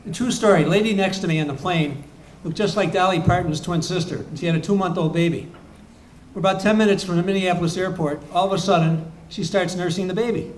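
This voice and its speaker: High-voiced man telling jokes at a roast. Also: a little hiss or hum. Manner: rapid-fire jokes with quick asides to the crowd. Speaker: speaker at a tribute roast. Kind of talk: stand-up style joke telling at a tribute. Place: bar event room.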